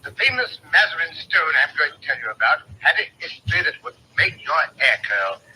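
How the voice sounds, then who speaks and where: An actor playing a genial British gentleman doctor who reminisces courteously in 1940s radio drama style. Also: a little high, big pitch swings, fairly quick, husky, heavily acted. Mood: genial, storytelling. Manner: chatty, courteous, old-fashioned storyteller. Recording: noisy old radio broadcast played back.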